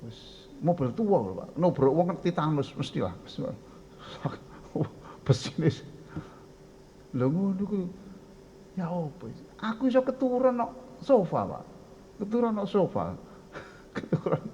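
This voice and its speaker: An older man with a Javanese accent preaching a lively sermon, often addressing his listeners directly and acting out voices. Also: sits high, measured pace, pauses often, lo-fi sound, a little hiss or hum. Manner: lively, addresses audience as "Pak", acts out voices.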